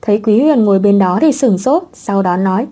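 Một người phụ nữ đọc truyện audiobook bằng giọng đều đều, không vội vàng. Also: female voice, mid-range voice, animated, a little fast, mellow. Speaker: narrator. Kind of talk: audiobook narration of a web novel.

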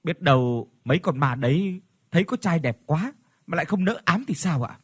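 A cocky young skeptic who jokes his way through every warning, as a male narrator puts him on. His husky voice swings up and down in a lively way, close and dry. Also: on the high side, normal speed, dry recording, pitched above the performer's own voice. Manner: cocky, joking.

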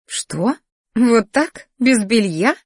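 Woman voicing a lizard spirit, female, playful, chiding, slightly higher pitch, dry audiobook sound. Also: normal speed, a little mellow, husky, dry recording, close to an everyday voice. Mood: teasing.

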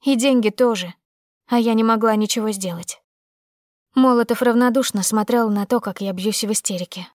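A woman narrating a first-person audiobook in a steady, emotive storytelling manner. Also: fairly high pitch, normal speed, no echo.

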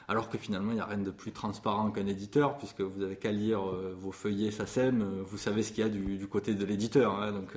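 A man's voice: lowish voice, a little mellow. A man in his forties, a music publisher, talking with passion about his trade in an interview, with many fillers and restarts. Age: 40s. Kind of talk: interview conversation.

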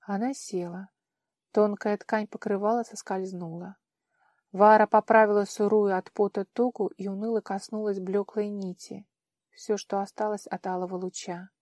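A woman narrating an audiobook in an expressive, measured manner. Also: mid-range voice, no echo, clean studio sound. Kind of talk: scripted narration.

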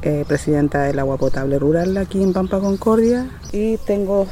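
A woman's voice: mid-range voice, steady tone, normal speed, mellow, a little hiss or hum. A woman, a rural farmer and community leader talking earnestly and determinedly, often restarting her sentences. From Valle de Azapa, northern Chile. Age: 60s. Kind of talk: casual testimony.

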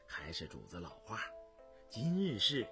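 A man voicing a weak, elderly male chief minister who speaks slowly in a hushed, breathy voice. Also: huge pitch swings, over music, exaggerated voice. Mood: weak, apologetic. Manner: low, hushed and slow with breathy sighs. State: weak from hunger. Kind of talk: storytelling radio reading.

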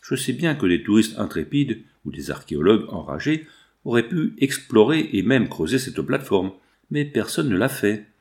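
A man's voice: fairly low pitch, very animated, normal speed, a little mellow. A man voicing a talkative, jovial young male hospital intern in a French audiobook. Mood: musing.

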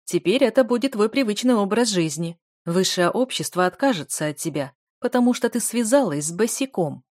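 A woman's voice: mid-range voice, lively intonation, moderate pace, dry recording, studio quality, lightly acted. A woman voicing a cruel, mocking young aristocrat man in an audiobook, jeering and taunting.

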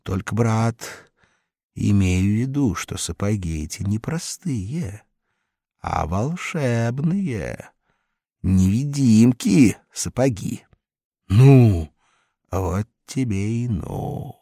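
A man voicing a sly stranger posing as a wizard, talking slowly and coaxingly. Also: fairly low pitch, animated, warm tone, no room sound, clean studio sound, full character voice. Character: sly male stranger who claims to be a wizard.

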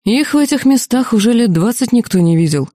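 A woman voicing a young male student in a flat, impassive voice in an audiobook. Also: a little high, a little fast, dry recording, clean studio sound, pitched above the performer's own voice.

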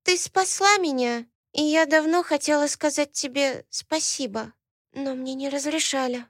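A woman voicing a bold, stubborn little twin girl in a high childlike voice, reading an audiobook. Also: a little slow, dry recording, clean studio sound. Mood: earnest. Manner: high childlike voice, shouting in alarm.

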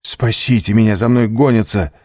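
A man's voice: a bass voice, takes it slowly, creaky, warm tone, no echo, studio quality, full character voice. A man voicing a cornered young male fugitive who pleads desperately for his life in a storybook reading. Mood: pleading. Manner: desperate begging, later cold and scornful.

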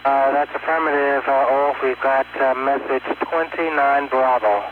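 A man's voice: medium pitch, steady tone, unhurried. A man in a spacecraft crew talking over a crackly radio link from orbit, in clipped radio procedure with frequent uhs. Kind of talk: radio voice loop. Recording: tinny radio link with faint hiss.

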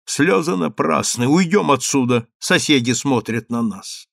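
A man's voice: medium pitch, expressive, a little slow, vocal fry, no room sound, clean studio sound. A man voicing a stern, grieving mother who presses her daughter for the truth in a storybook reading. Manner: stern and insistent. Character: stern grieving mother, commanding then pleading.

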